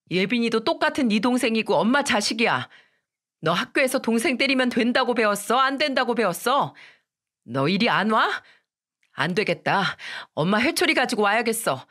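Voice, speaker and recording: A woman's voice: on the high side, fairly bright tone, pitched above the performer's own voice. A woman acting as a stern mother who scolds her children firmly. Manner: scolding, firm.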